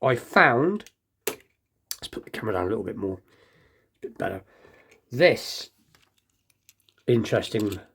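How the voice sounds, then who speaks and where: A man's voice: fairly low pitch, big pitch swings, measured pace, pauses often, fairly bright tone, slight background noise. A man hosting a casual collector's show-and-tell, rambling and understated, lisping slightly as if he has just bitten his tongue. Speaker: host of a diecast toy collecting show.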